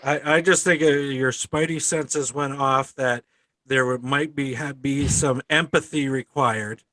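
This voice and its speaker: A man hosting a podcast in casual chat, with a halting, stammering delivery. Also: mid-range voice, steady tone, bright, forceful tone, no room sound. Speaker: podcast host.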